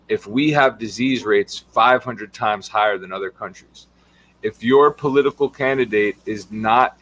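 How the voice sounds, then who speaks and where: A man's voice: medium pitch, sharp tone, low-quality recording. A man, a health coach giving an impassioned monologue full of emphatic rhetorical questions.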